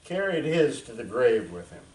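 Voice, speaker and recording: A man in his seventies, a veteran, giving a frank, reflective talk to an audience with many pauses and fillers. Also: mid-range voice, very animated, a little mellow, recorded from a distance. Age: 70s. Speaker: veteran speaker. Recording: echoey room, voice from afar.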